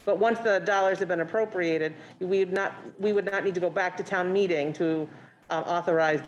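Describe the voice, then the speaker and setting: A woman with a lowish voice answers procedural questions in a steady, measured way, pausing often on um. Her connection is weak, so the audio is choppy and keeps cutting out. The sound is dull and lo-fi, like a video call. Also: a little hiss or hum. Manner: measured, with frequent um fillers. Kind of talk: town committee meeting discussion. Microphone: remote video call.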